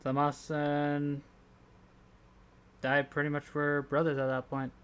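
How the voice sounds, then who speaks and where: A man playing a loyal young male character in a tabletop role-play, speaking in a casual, halting, sincere way. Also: on the high side, completely flat delivery, a bit bright, clean tone.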